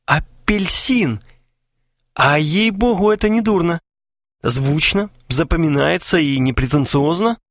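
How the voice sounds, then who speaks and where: A man voicing Gromov, an excitable, playful young man who exclaims and playacts in a comic story. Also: a little high, unhurried, dry recording, clean studio sound, pitched above the performer's own voice. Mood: excited.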